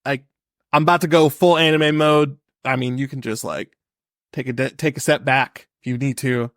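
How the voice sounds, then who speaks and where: A man's voice: mid-range voice, moderate pace, no echo. Fired-up man ranting, dry close sound. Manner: animated, emphatic ranting. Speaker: podcast co-host. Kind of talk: casual podcast chat.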